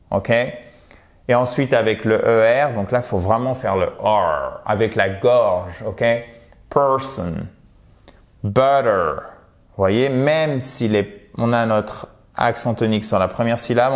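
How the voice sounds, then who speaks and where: A man teaching English pronunciation in a video lesson, encouraging and talking straight to his viewers. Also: fairly low pitch. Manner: slow, drawn-out English model words; encouraging, addresses viewers directly.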